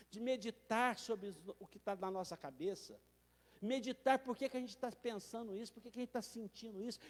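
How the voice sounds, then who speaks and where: High-voiced preaching man, reverberant church. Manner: emphatic, swings from quiet asides to loud exhortation; addresses listeners directly as brothers. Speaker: pastor. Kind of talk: sermon.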